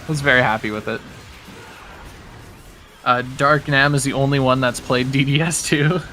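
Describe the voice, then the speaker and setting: A man's voice: mid-range voice, fairly even intonation, normal speed, sharp tone, soft background music. A man hosting a casual gaming stream, rambling with lots of fillers and swearing freely. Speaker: host.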